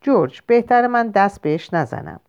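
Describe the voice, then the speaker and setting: A woman voicing a calm male country doctor and father in a storybook reading, patient and matter-of-fact as he explains. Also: mid-range voice, clear, resonant tone, pitched above the performer's own voice. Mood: explaining. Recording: lo-fi muffled recording.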